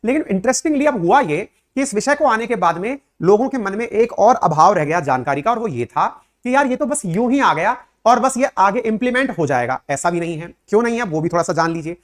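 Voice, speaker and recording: A man's voice: high-pitched, expressive, fairly quick, hardly any pauses. A man who teaches current affairs, explaining to his viewers in a conversational lecturing way, full of rhetorical questions and direct address, with English words mixed in.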